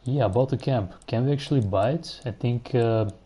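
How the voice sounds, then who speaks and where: Male streamer, mellow tone, easygoing live gameplay chatter, replies to chat between moves. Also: medium pitch, moderate pace, slightly rough. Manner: relaxed, musing aloud while playing, answering chat. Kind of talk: casual gameplay commentary.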